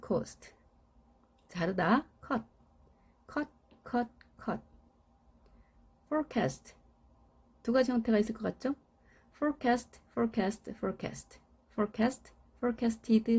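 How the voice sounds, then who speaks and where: A woman's voice: medium pitch, mellow, breathy edge. A woman teaching English verbs in Korean, repeating each word in rhythmic sets and explaining meanings with everyday examples. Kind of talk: scripted lesson on verbs.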